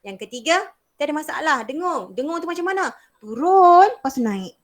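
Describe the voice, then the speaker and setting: A woman's voice: high voice, lively intonation, fast talker. A young woman with a Malaysian Malay accent teaching a beginners' Mandarin class, explaining patiently and repeating sounds to demonstrate. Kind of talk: online language lesson.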